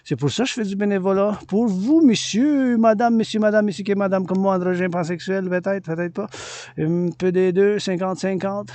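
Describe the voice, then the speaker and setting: Excitable Québécois man, high voice. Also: normal speed, no echo. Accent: Québécois French. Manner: loose and excitable, switches between French and English. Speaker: vlogger. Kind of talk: rambling walking vlog. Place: outdoors on a mountain path.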